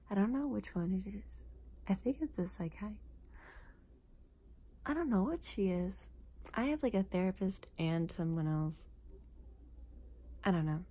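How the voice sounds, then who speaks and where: A soft-spoken woman doing casual ASMR talk in a dark, relaxed, slightly low voice. Her delivery is hushed and breathy, with plenty of creaky vocal fry. She often drops into a whisper as she chats. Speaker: ASMR content creator.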